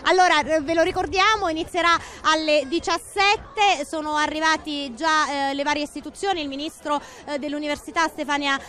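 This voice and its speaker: A woman field reporter giving a live outdoor news report in a crowded city square, talking quickly and upbeat with frequent filler sounds. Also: sits high, steady tone, bright, forceful tone. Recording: outdoor broadcast with crowd noise.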